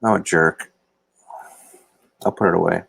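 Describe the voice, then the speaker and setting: Gravelly low-voiced man chatting on a livestream. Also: fairly even intonation, unhurried, fairly bright tone, no echo. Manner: rambling, self-deprecating, talks to chat viewers. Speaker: livestream host. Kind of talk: casual livestream chat. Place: indoor room. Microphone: phone or laptop camera mic.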